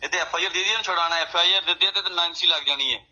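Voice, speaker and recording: A pushy man with a high, bright voice makes demands fast over a phone call. He talks in a sharp, insistent manner, posing as a police officer.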